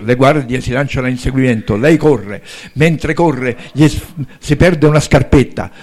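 An older man, an author telling fairy tales aloud to a live audience in an animated, chatty way with frequent fillers. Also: fairly high pitch. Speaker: author and storyteller.

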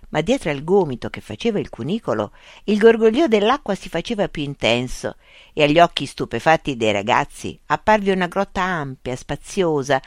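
A narrator reading a children's adventure story aloud in a lively, expressive way. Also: mid-range voice, no room sound, studio quality.

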